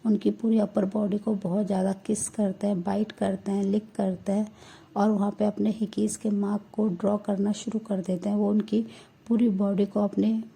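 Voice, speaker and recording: A woman narrating a romance story in a steady, even storytelling manner. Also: medium pitch, moderate pace, vocal fry, husky, rough recording. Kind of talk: retelling a fan-fiction story.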